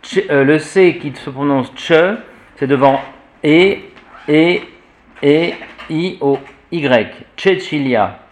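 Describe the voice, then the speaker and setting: In a classroom lesson, a man with a voice on the high side teaches church Latin pronunciation at a slow pace. He spells out letters and repeats example words, hesitating frequently.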